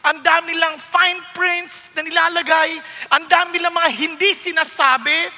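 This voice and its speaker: A man with a Filipino accent preaches an emphatic sermon, peppering his congregation with rhetorical questions. His voice sits unusually high and cuts with a sharp, forceful edge. Everything rings out in the long reverb of a large hall. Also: steady tone, a little slow. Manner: emphatic, switches between English and Tagalog, rhetorical questions to the congregation.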